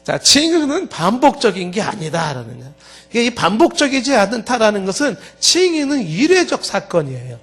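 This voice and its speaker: A male pastor preaching a Wednesday sermon, animated and joking, acting out little scenes. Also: high-pitched, moderate pace, breathy edge, faint music behind. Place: church sanctuary.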